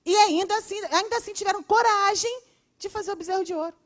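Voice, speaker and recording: A woman with a Brazilian Portuguese accent teaching a Bible class in a lively, expressive way, acting out quotes and laughing often. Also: very high-pitched, fast. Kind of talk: animated Bible class lesson.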